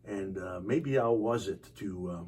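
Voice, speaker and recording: Lower-pitched male interview host, easygoing and conversational, recorded a bit off-mic with light noise. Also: measured pace. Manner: relaxed, chatty, asks open questions. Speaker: podcast host. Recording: distant mic with faint background noise.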